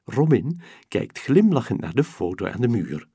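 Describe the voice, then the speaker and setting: A man narrating a children's bedtime story slowly and expressively. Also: mid-range voice, creaky, breathy edge, dry recording, studio quality. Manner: slow, expressive, gentle storytelling.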